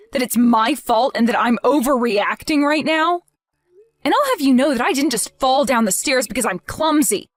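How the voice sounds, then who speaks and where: A heartbroken young wife, voiced by a woman, pleads in a high, lively voice in a voice-acted text-message drama. Her pitch swings widely as her hurt builds. Faint music plays underneath. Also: dry recording. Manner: emotional, pleading, voice rising and falling.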